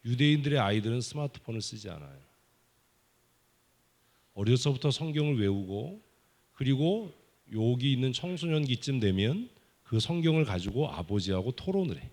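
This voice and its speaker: A man preaching a children's sermon at a summer Bible school service in a church, playfully teasing and quizzing the kids with quick questions. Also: medium pitch, sing-song, a little mellow. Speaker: pastor. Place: church sanctuary.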